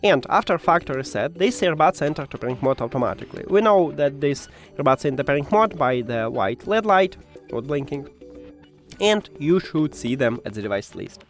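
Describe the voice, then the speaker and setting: A tech tutorial presenter who is not a native English speaker walks through using a device step by step. His slightly high voice rises and falls in a lively way, though his phrasing is halting, and soft music plays faintly underneath.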